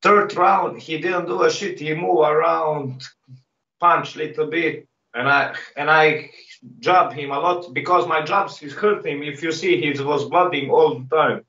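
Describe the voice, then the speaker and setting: A man's voice: on the high side, pushed and bright. Cocky non-native man, echoey and distant. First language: not English. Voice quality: halting, broken English phrasing. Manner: cocky, boastful. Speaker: MMA fighter being interviewed. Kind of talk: casual pre-fight interview trash talk. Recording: dull, echoey, distant call-like sound.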